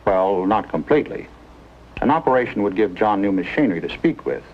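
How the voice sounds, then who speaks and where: In a 1950s TV drama, an American man with a fairly low voice plays a calm, plain-spoken doctor whose folksy, measured manner reassures young patients. The old soundtrack is muffled and noisy.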